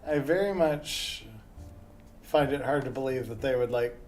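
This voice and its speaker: A man's voice: mid-range voice, measured pace, darkish tone, soft background music. A man giving casual, chatty commentary while playing a video game. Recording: faint background noise.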